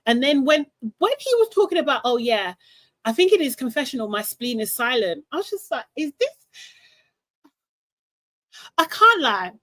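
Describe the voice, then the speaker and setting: A woman chatting casually about a reality show, animated and exasperated, laughing often. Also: high-pitched, moderate pace, pauses often, no echo. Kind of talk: casual recap chat.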